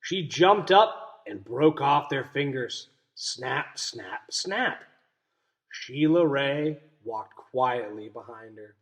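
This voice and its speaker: A man with a medium-pitched voice reads a picture book aloud slowly, his intonation lively. Acting as a teacher, he explains the story and asks the young listeners questions.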